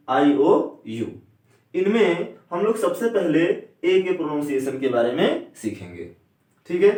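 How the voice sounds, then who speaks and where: Guy teaching a lesson, keeps quizzing then answering himself, bit high voice, roomy echo. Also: a little mellow. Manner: asks questions then answers them himself; slows down to spell out vowel sounds. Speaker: English teacher. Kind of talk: classroom lecture. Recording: echoey room, a bit far from the mic.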